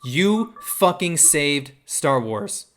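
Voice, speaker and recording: A man hosting a casual talk stream, excitable and swearing a lot as he praises a show. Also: fairly high pitch, extremely slow. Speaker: stream host. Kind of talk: casual chat.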